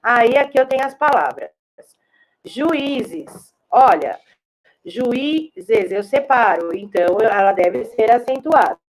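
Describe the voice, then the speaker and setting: A woman teacher, giving a remote classroom lesson and explaining slowly and patiently, often checking in with her class. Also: fairly high pitch, animated, rough recording.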